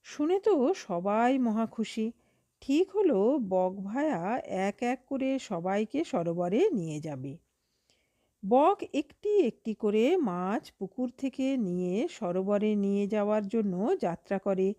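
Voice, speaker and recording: A woman narrating a moral fable in an unhurried, expressive storytelling manner on a close mic. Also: medium pitch, no room sound.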